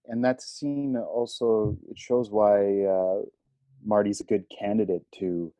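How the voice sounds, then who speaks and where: A man co-hosting a podcast in casual analytical discussion, often pausing mid-thought as he works out his point. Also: lowish voice, mellow, no room sound. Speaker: podcast co-host.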